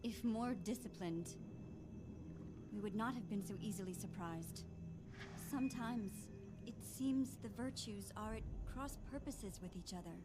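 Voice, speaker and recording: An actress playing a devout, troubled daughter in a video game, speaking earnestly and formally. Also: female voice, medium pitch, unhurried, music in the background, natural voice, rough recording. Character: devout, troubled daughter questioning her faith and virtue. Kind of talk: video game character acting.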